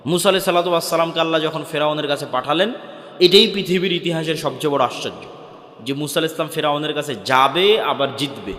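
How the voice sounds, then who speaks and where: A man's voice: fairly high pitch, quick pace, fairly bright tone. A man with a Bangladeshi Bengali accent preaching a sermon, asking questions and answering them himself. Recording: echoey hall.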